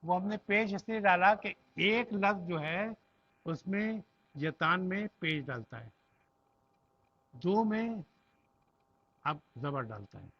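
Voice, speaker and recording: A man from Pakistan teaching an Arabic grammar class, repeating each word slowly for students to say back. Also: high voice, lively intonation, fairly bright tone, slightly rough, no room sound. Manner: slow and repetitive, drilling words aloud. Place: mosque classroom. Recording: dull lo-fi sound.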